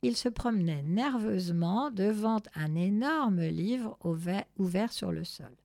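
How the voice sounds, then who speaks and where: A woman reading a storybook aloud in a relaxed way, with fillers and self-corrections. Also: mid-range voice, measured pace, vocal fry, no room sound, clean studio sound. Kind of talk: casual storybook read-aloud.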